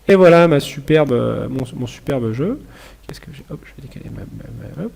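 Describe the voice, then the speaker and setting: A man's voice: mid-range voice, lively intonation, normal speed, vocal fry, darkish tone. A man giving a casual programming lecture while demonstrating code, chatty and self-correcting with frequent apologies. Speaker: university lecturer. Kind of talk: live coding lecture.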